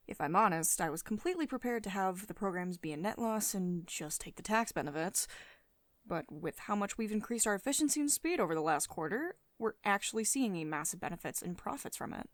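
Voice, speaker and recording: In an intimate ASMR roleplay of one-sided dialogue, a woman plays a poised, teasing, mildly dominant female CEO of a tech firm, sounding measured, authoritative and condescendingly affectionate. Her voice is on the low side and lightly acted. It is recorded dry on a close, studio-style voice-over microphone.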